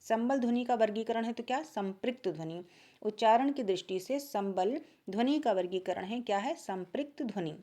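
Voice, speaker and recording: Woman teacher going through exam questions, kinda high voice, asks then answers herself, keeps checking "ok?". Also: normal speed, warm tone. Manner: repeats key points, checks in with "ठीक है?". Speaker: Hindi grammar teacher. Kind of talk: exam-prep lesson.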